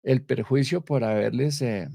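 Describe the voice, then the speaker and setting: A man from Colombia hosting a live political commentary show, speaking emphatically with many pauses and self-corrections. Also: medium pitch, creaky, mellow, dry recording. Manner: emphatic, stresses key words, frequent pauses and self-corrections.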